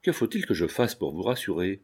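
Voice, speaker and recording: A man's voice: deep voice, very animated, brisk, slightly rough, voice pushed down, heavily acted. A man reading aloud and voicing an earnest, romantic young painter who speaks firmly. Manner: firm, earnest.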